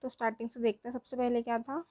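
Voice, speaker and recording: A woman's voice: fairly high pitch, level tone, rapid-fire, a little mellow, dry recording. A woman teaching a language lesson, drilling words one at a time in a patient, step-by-step way.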